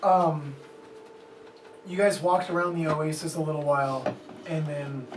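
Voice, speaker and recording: Casual male game master, slightly high voice, far from the mic in an echoey, noisy room. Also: fairly even intonation, measured pace. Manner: rambling, casual, with fillers. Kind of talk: narrating a tabletop game.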